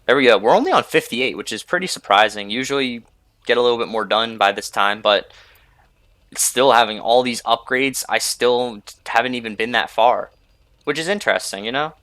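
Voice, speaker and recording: A man's voice: medium pitch, moderate pace, fairly bright tone, no echo. A young man hosting a gaming video, rambling casually over his gameplay and filling gaps with "like" and "you know". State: sleepy, yawning. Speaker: gaming channel host.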